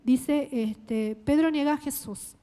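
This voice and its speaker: High-voiced Argentine woman preaching in a hall. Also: mellow. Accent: Argentine Spanish. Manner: deliberate, checks in with frequent "¿sí?" and "amén". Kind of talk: sermon. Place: church hall. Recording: reverberant church hall.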